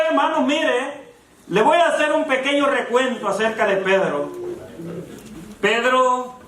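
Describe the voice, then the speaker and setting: High-voiced preacher in an echoey church. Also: male voice, fairly bright tone. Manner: keeps addressing the congregation as brothers, asks rhetorical questions. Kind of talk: evangelical sermon. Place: church sanctuary. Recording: echoey church, mic far off.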